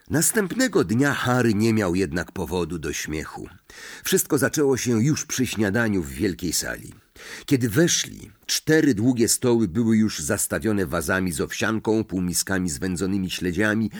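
A male narrator reads a storybook with lively, animated pitch and an expressive delivery. His voice sits at a middle pitch. The recording is close and dry. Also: no echo. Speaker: audiobook narrator. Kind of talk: scripted narration.

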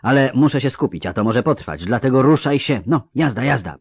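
A man's voice: mid-range voice, animated, brisk, gravelly, breathy edge, no room sound, studio quality, voice pushed up. A man voicing a weary, self-mocking young woman in a read-aloud story, raising his voice for her. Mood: frustrated, urging.

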